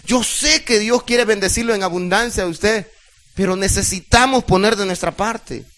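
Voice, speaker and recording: Emphatic high-voiced male pastor preaching. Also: normal speed, fairly bright tone. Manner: emotional, emphatic preaching, addressing congregation directly. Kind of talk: sermon.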